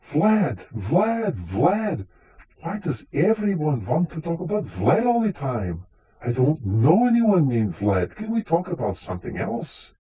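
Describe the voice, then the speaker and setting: A man's voice: a little high, huge pitch swings, measured pace, dark tone, slightly rough, heavily acted, low-quality recording. A man playing a vain, touchy, centuries-old vampire count in comic live radio theater, with a theatrical, formal way of talking. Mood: irritated, evasive. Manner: theatrical, dryly boastful, formal phrasing.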